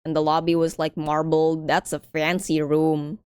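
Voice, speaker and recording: A woman's voice: low voice, little pitch movement, normal speed, a little mellow, clean tone, no echo, clean studio sound. A young woman streaming a visual novel, chatting, giggling and reading the game text aloud in a rambling way. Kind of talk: casual game commentary.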